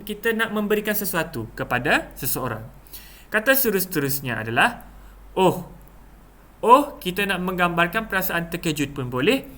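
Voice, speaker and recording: Speaking with a sharp tone and a fairly high voice, a young Malaysian Malay-accented man teaches a class. He dramatizes examples with overdone intonation and fills his explanation with fillers.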